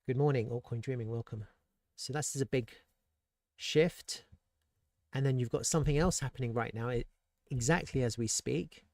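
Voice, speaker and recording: A man's voice: medium pitch, moderate pace, darkish tone, no room sound, clean studio sound. Man musing over crypto charts. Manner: thinking aloud, rhetorical asides, frequent restarts. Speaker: crypto market analyst. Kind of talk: casual market commentary.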